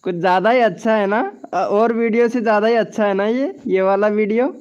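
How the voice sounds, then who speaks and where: A man's voice: high-pitched, brisk, a little mellow, clear, resonant tone. A man hosting a casual live stream, chatting and joking with viewers, often laughing and swearing by oath. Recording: dull lo-fi stream audio.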